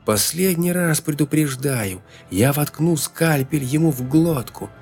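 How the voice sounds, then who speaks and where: A man's voice: fairly even intonation, normal speed, a little mellow, soft background music, natural voice. A male narrator voicing a hysterical, vicious woman who screeches threats and hisses insults. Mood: screeching. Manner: shrill, hissing, screaming threats.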